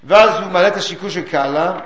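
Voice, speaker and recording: A man's voice: sits high, a bit bright, roomy sound. A man giving a Talmudic study lecture, explaining sources and chanting the quoted texts.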